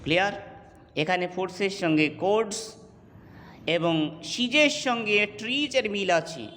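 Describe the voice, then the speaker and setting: An English teacher gives a classroom lesson on English poetry, breaking it down step by step and pausing to ask questions that check his students are following. His voice is high for a man, expressive and fairly bright, and a long reverb trails each phrase.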